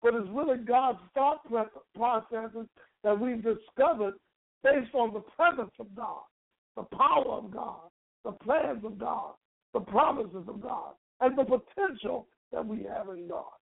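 A preacher with a hoarse, frog-like croaky voice, teaching a sermon in emphatic, deliberate short phrases with rhetorical repetition. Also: mid-range voice. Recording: narrow, phone-like sound.

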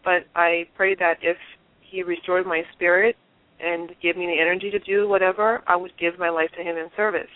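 A Liberian woman gives personal testimony as an interview guest, earnest and reflective, often restarting her sentences. Her voice is on the low side with little pitch movement, and she talks a little fast. The telephone recording is tinny and dry.

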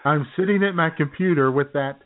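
This podcast co-host has a fairly high-pitched voice and talks briskly. His casual chat is full of jokes, sarcasm and frequent laughter, recorded with tinny, phone-like sound.

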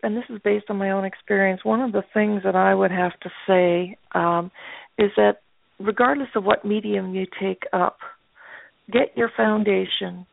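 Older woman guest artist, gravelly, chatty storyteller; tinny phone-line audio. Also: medium pitch, steady tone, normal speed, dry recording. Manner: chatty, anecdotal, frequent fillers. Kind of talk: casual interview storytelling.

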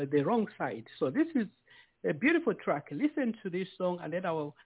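A man's voice: a little high, no room sound. A man from eastern Zambia, hosting a radio talk show, explaining things with playful teasing banter. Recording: tinny phone-like dry sound.

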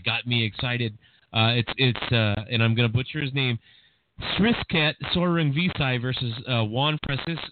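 A man hosting a boxing podcast, talking in a rambling, animated way with lots of restarts and fillers, with a General American accent. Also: medium pitch, slight background noise. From California. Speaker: podcast host. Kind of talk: casual boxing podcast chat. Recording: tinny phone-like line, dry.

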